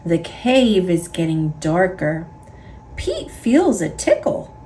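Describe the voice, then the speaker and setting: A woman reading a children's picture book aloud in an expressive, deliberate storytelling way for young listeners. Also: on the low side, slight background noise. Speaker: storybook reader. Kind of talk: children's read-aloud narration.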